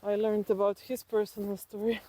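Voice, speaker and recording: A Slovenian woman with a Slovenian accent, a guest in an interview, reflects on personal stories, thinking aloud haltingly. Her mid-range voice is mellow with a flat delivery.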